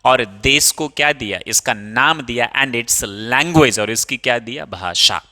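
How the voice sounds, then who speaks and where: A man's voice: mid-range voice, unhurried, bright, forceful tone, long reverb tail. A man with an Indian accent teaching an English textbook chapter, asking questions and answering them himself and calling his students "babu". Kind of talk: explaining a textbook chapter in Hindi with English phrases.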